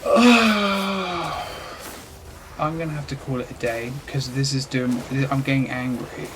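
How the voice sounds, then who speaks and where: A man's voice: mid-range voice, steady tone, brisk, noisy background. Exasperated swearing gamer man. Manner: exasperated, swears constantly, talks to himself. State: frustrated. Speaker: let's play gamer. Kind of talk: gameplay commentary.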